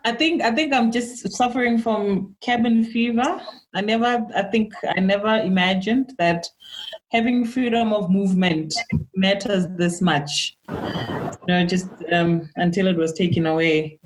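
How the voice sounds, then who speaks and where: A woman's voice: medium pitch, measured pace, rough recording. A woman from South Africa, a quantity surveyor, chatting candidly and reflectively as a guest. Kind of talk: casual chat.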